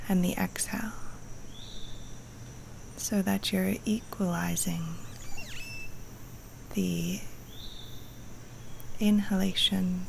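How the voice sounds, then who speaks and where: A woman guiding a relaxation meditation in a soft, breathy, partly whispery voice, calm and soothing, with long pauses. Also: medium pitch, slight background noise. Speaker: yoga nidra teacher guiding a meditation. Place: outdoors or open space in the jungle. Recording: live outdoor recording with jungle wildlife sounds. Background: faint jungle birds and insects.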